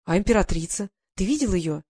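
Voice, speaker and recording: Brief: woman playing a gentle aging baroness mother, worried and fond, storybook reading, dry close sound. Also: mid-range voice, animated, fairly quick, slightly rough, no room sound. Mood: tender.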